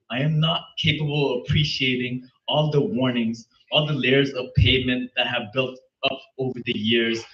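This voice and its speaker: A man reading a poem aloud at an open mic in an earnest, measured way. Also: medium pitch, bright, forceful tone. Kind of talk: poetry reading. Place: small venue. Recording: echoey room from far off, dull sound.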